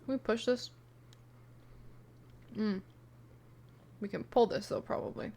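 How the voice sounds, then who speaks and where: A woman's voice: mid-range voice, slow pace, warm tone, a little hiss or hum. A young woman streaming a game live, reacting with bewildered questions and talking to her chat. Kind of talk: live gameplay commentary.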